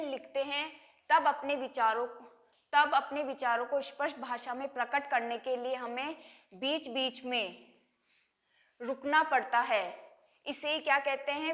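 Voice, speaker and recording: A woman teacher runs a grammar lesson for her students. She poses questions and answers them herself in a bright, high, sharp voice. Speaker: school teacher.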